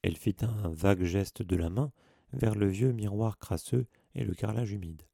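Gravelly, dark-voiced male narrator. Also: fairly low pitch, normal speed, no room sound, clean studio sound. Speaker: audiobook narrator. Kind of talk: scripted narration.

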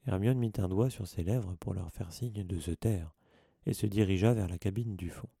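A man narrating an audiobook in a steady, measured reading. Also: deep voice, vocal fry, slightly rough, no room sound, clean studio sound. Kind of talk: scripted narration.

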